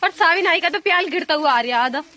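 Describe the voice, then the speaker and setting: Young woman vlogger, high and bright voice, giggly, phone mic outdoors. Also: animated, fast, slight background noise. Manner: chatty, giggly, addresses viewers as guys. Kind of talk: casual vlog chat outdoors. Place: outdoors in fields, rural. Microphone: phone camera.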